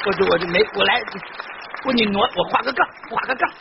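A man's voice: high voice, quick pace, gravelly, highs cut off, crowd noise, background noise. A man performing a comic stage sketch, playful and teasing, recorded live with an audience. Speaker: comedian.

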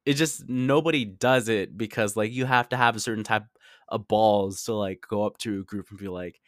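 This lowish-voiced man in his twenties hosts a podcast, telling personal stories at a moderate pace. His manner is casual and confessional, full of "like" and the occasional curse word. The audio is studio quality, with no audible room.

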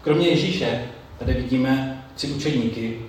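A man's voice: mid-range voice, darkish tone, slight background noise. Man preaching in a very echoey hall. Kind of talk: sermon with Bible reading. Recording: very echoey room, mic far off, faint ambience.

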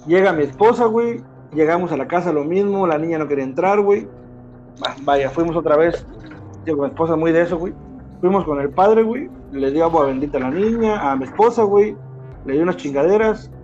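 Mexican man in his thirties, brisk talker, slangy and animated, slightly raised voice, dull lo-fi audio with faint music behind. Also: a little high. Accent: Mexican Spanish. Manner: slangy, animated, peppers speech with filler words. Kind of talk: casual storytelling chat.

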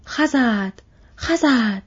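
A woman voicing a fierce, boastful male dwarf warrior who shouts battle cries, in a dull lo-fi recording. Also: on the high side, expressive, husky, voice pushed up. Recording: dull lo-fi audio.

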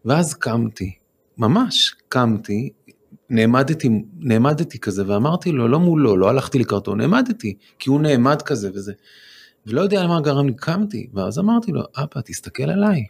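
A man in his forties, telling a personal story as a guest on a studio podcast, halting with many fillers and restarts. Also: medium pitch, very animated, creaky, husky. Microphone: studio microphone.

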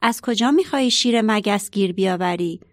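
A woman's voice: mid-range voice, no room sound, studio quality, natural voice. A woman voicing a small, curious, outspoken mouse in a children's story, asking blunt questions. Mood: defiant.

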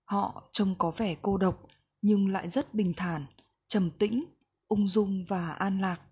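A woman reading a reflective book passage aloud in a slow, gentle, measured way. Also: medium pitch, steady tone, breathy edge. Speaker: book reader.

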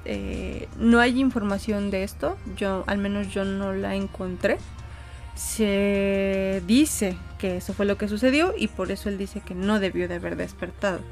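A woman's voice: medium pitch, steady tone, unhurried, faint music behind. A woman podcast co-host telling a story in casual chat, hesitant, with fillers and restarts.

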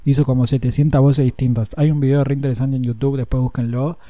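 Joking Argentine man, mellow tone. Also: medium pitch, flat delivery, quick pace, dry recording. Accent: Argentine Spanish. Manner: joking, goes off on tangents. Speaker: podcast co-host. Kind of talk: casual chat.

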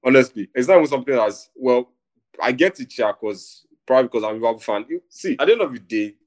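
A young man, co-hosting a casual football chat in a rambling, animated way. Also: mid-range voice, fast. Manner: animated, rambling, says "bro" a lot. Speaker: podcast co-host.

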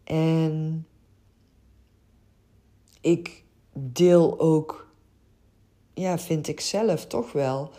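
Her warm, low-pitched voice carries a reflective podcast monologue, where this middle-aged Dutch host and childcare coach speaks earnestly and openly. Hesitations come frequently.

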